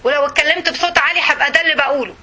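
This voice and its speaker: A woman's voice: high-pitched, very fast, pushed and bright, a little hiss or hum. A woman with an Egyptian accent giving an informal religious lesson to women, preaching conversationally and often checking in with her listeners. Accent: Egyptian Arabic. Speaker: religious teacher.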